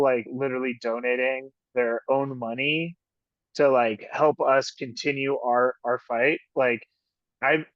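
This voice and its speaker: His voice is medium in pitch and fairly bright, with no echo, carried on dull, dry lo-fi call audio. The man, a ski patroller and union officer, rambles casually in an interview, peppering it with fillers and frequent laughs.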